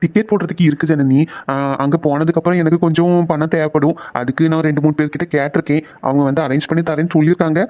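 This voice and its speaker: A man doing a friendly young cartoon guy who jokes and teases in quick, everyday speech. His voice sits a little high and moves at a fast clip. It comes through a thin, tinny line, as if over a phone. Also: little pitch movement, lightly acted. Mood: casual. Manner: quick, teasing banter. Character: young men, friendly and joking. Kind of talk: cartoon voice acting.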